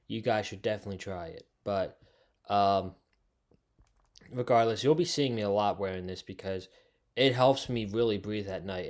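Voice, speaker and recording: American man giving an emphatic casual review. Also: on the low side. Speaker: host of a wrestling review channel. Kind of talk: casual opinionated video review.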